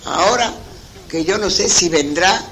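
A man's voice: high-pitched, a little slow, sharp tone, a little hiss or hum, heavily acted, rough recording. A man voicing a curious young girl who recounts what she found. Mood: earnest.

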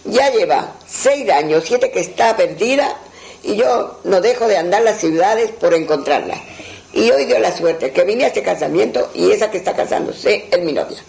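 A man's voice: sits high, lively intonation, normal speed, gravelly, darkish tone, rough recording. A man doing a grieving young man. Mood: sorrowful. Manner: sorrowful, pleading. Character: grieving young man who lost his bride.

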